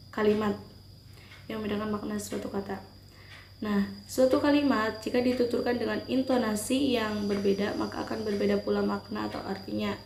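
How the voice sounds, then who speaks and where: A young woman presents a class topic in a steady, explanatory way, pausing often with hesitant fillers. Her voice rings in a roomy, echoing space. A faint hiss of background noise runs underneath. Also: mid-range voice. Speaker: student presenter.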